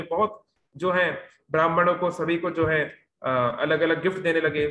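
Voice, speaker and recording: A man's voice: on the high side, a bit bright, reverberant, poor audio. A man giving a devotional youth lecture over a video call. He tells the story in a storytelling way, mixing in English words and using frequent fillers.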